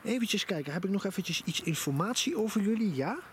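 Beside a campfire in a nighttime forest, a vlogger offers casual, excited commentary captured on a handheld camera, and the outdoor audio is noisy. He speaks in a high-pitched, animated voice at a brisk pace.

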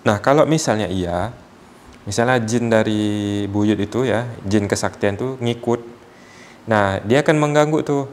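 A man working as a ruqyah healer, calmly explaining to a patient and acting out short quotes as examples. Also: lowish voice, measured pace, a little hiss or hum.

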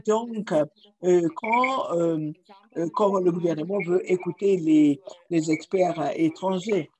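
Husky man interpreting in halting bursts. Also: sits high, darkish tone, poor audio. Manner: halting, frequent restarts and repeated words. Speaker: conference interpreter. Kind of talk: simultaneous interpretation of a panel.

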